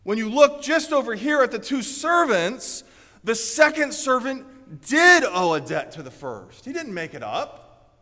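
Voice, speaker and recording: Preaching in a reverberant large hall, this Orlando, Florida pastor, an American man, has an extremely high voice with big pitch swings and an unhurried pace. His sermon is earnest and emphatic, moving between forceful declarations and quieter storytelling.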